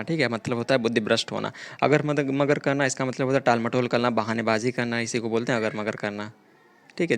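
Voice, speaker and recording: A man teaching a grammar lesson for exam preparation, explaining correct spellings and idioms, often repeating himself. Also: mid-range voice. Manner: repetitive, explanatory, keeps saying 'dekhiye' and 'theek hai'.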